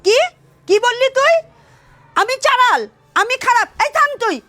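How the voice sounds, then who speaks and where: Woman acting a proud furious mother, very high voice, bright and cutting, faint music behind. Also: lively intonation, a little slow, dry recording, heavily acted. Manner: shrill, insulting, domineering. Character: proud, furious middle-aged mother scolding her daughter.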